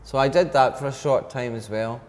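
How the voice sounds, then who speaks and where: A Scottish man in his fifties, a teacher, chatting as an interview guest and speaking slowly and clearly on purpose. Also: medium pitch, darkish tone. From Scotland. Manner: deliberately slowed, clear speech. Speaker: head of an English department, guest. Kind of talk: casual interview chat. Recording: long reverb with faint background noise.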